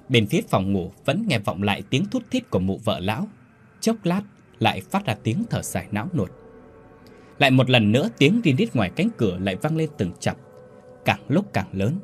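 A man's voice: medium pitch, slight background noise. A man narrating a scripted horror story in a dramatic, suspenseful manner.

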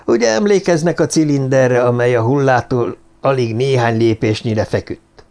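A man's voice: medium pitch, a little mellow, close to an everyday voice. Man reading a boastful jovial police inspector, eager, self-satisfied, audiobook character.

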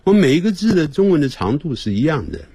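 A man hosts a radio English lesson. His voice is husky and swings widely in pitch as he explains. He repeats example phrases slowly and patiently, recorded dry and close in a studio. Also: sing-song, mellow, no room sound. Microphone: studio microphone.

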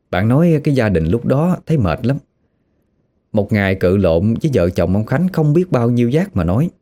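A man telling a ghost story in a lively, animated way. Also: medium pitch.

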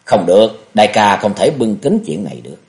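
A man's voice: lowish voice, big pitch swings, fairly quick, vocal fry. A man voicing an anguished young male swordsman who pleads and cries out, in an audiobook reading. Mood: insistent. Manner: pleading, shouts in grief.

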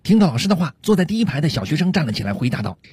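Man, radio joke narrator; quick, lively, noisy radio recording. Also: on the high side. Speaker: radio comedy host. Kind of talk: narrating jokes.

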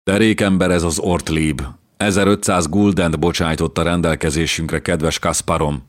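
A man's voice: low voice, fairly even intonation, natural voice. A man voicing a jovial spendthrift old king. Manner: cheerful, then sheepish and evasive.

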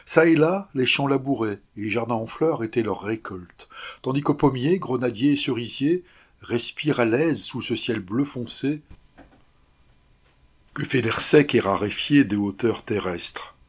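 A male audiobook narrator reading a classic novella with dramatic emphasis. His pace is slow and deliberate, and his voice has a husky grain. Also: medium pitch.

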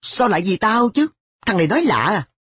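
A reader voicing an earnest schoolboy who scolds his friend in sharp, exasperated questions, in a story reading. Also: mid-range voice, animated, moderate pace, husky, dry recording, muffled recording, pitched above the performer's own voice. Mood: incredulous. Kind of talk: audiobook dialogue.

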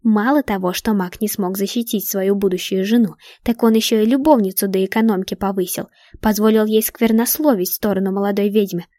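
A woman reading a story aloud, voicing a scheming, sarcastic dark witch who mocks and hisses. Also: medium pitch, steady tone, brisk, few pauses, no echo, studio quality, natural voice. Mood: mocking. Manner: mocking, hissing.

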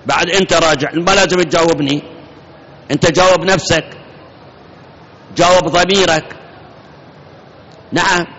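A man's voice: a little high, fairly even intonation, moderate pace, pauses often, a bit bright. A man preaching a sermon in an Iraqi accent, speaking emphatically and directly to his congregation. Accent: Iraqi Arabic. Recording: muffled hall recording with reverb.

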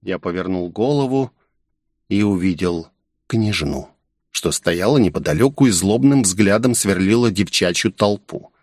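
A man narrating an audiobook in the first person, in a lively, expressive, conversational way. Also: sits low, unhurried, no room sound, studio quality.

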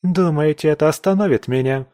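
In this audiobook, a male narrator gives voice to a young woman journalist who is defiant and provocative, delivering her lines with a haughty, taunting bite. He speaks a little high and a little slow, pitched above his own natural register while still sounding natural. It's a dry, studio-quality recording.

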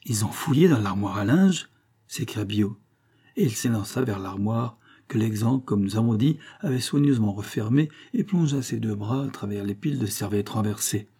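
A man narrating a classic novel as an audiobook in a measured, even reading. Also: fairly low pitch, breathy edge. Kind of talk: scripted narration.

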